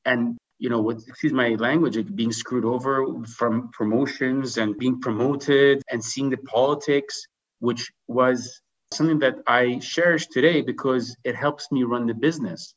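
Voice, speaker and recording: On a lo-fi recording, a middle-aged man speaks at medium pitch with a steady tone and normal speed. He's a podcast guest, an insurance business executive raised in Dubai and Canada, recounting his story in a relaxed interview manner and frequently checking in with "right?".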